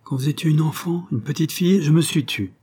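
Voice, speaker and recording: A man's voice: a little high, a little fast, darkish tone, slightly rough, pitched above the performer's own voice. A man voicing an earnest young man declaring his love, with pleading, emphatic phrasing, in an audiobook reading. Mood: impassioned.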